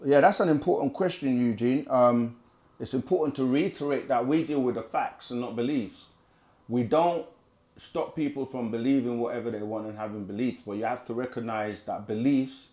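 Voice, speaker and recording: A man with a medium-pitched, dark voice hosts a live Q&A stream. He casually reads viewer questions from the chat aloud and answers them at length, chatting conversationally and often repeating himself.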